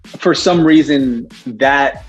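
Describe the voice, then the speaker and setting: A young man with a somewhat husky voice chats casually as an interview guest. His pitch sits in the middle range, and he rambles through restarts with frequent laughs. Faint music plays behind him. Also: takes it slowly, dull audio. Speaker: actor guest.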